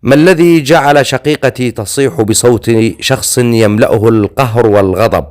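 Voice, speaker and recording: Big gruff chieftain, man narrating him, blunt, audiobook, medium voice. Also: medium pitch, moderate pace, darkish tone, lightly acted.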